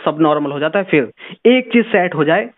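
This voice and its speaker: Guy lecturing over a tinny phone line, kinda high voice, preachy and earnest, repeats himself a lot. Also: expressive, moderate pace. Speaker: motivational channel host giving advice on a call. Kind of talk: casual advice phone call.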